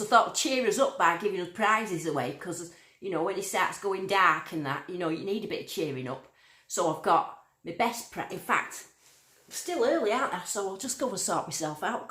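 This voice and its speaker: Reading viewer comments aloud, this Lancashire woman keeps things casual on her metal detecting stream. Her medium-pitched voice is fairly bright and reverberant, and her northern accent leans a little toward Yorkshire.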